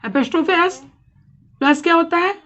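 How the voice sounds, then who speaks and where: A woman's voice: extremely high pitch, moderate pace, fairly bright tone, muffled recording. A woman teaching a grammar lesson to a class, asking questions and checking understanding often.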